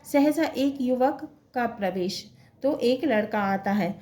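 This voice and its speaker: Woman teacher, reads play aloud, re-explains each line, fairly high voice. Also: lively intonation, slow, warm tone. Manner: explains each line again in plain words. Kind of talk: reading and explaining a school play.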